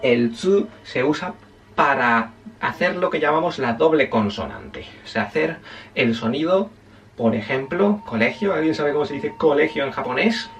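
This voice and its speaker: A man's voice: a little high, expressive, normal speed, fairly bright tone, recorded from a distance, soft background music. A man teaching a casual spoken language lesson, chatty and self-correcting, often checking in with his listeners.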